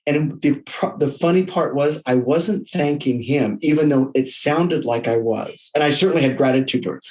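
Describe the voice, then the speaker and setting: A middle-aged man, a leadership coach, telling stories in an interview, expressive, with frequent restarts and repeated words. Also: fairly high pitch, normal speed. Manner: expressive, many restarts and repetitions. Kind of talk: conversational interview storytelling.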